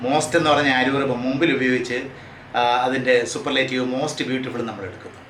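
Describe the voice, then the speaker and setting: A man teaching English grammar to exam students. He reads rules out slowly and drills word forms one by one. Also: mid-range voice, fairly even intonation, a bit bright, roomy sound, a little hiss or hum, rough recording. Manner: reads English rules out slowly, then explains them at a quicker pace. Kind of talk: classroom lecture for exam students.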